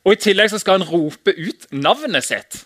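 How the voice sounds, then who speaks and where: A man's voice: high voice, expressive, no echo, studio quality. A man giving an informal, chatty sermon, laughing now and then and acting out the quotes he reads. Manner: casual, chatty, laughs often, acts out shouted quotes. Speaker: preacher.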